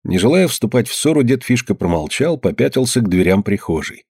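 A man narrating an audiobook in a measured storytelling voice. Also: medium pitch, sing-song, darkish tone, slightly rough, dry recording, clean studio sound.

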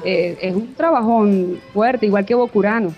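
A woman's voice: medium pitch, normal speed. A woman voice actress being interviewed over an internet call, talking earnestly in looping restarts. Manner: earnest, talks in restarting loops. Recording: dull call audio with music under.

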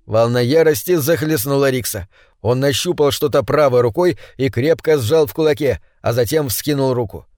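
A man narrating an audiobook with measured, dramatic reading. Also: medium pitch, darkish tone, no room sound, studio quality. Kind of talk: scripted narration.

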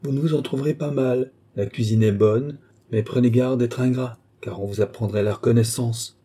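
A man's voice: medium pitch, steady tone, normal speed, warm tone, husky, natural voice. A man voicing a mocking, commanding young court woman in an audiobook reading, with a teasing, condescending manner. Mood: stern.

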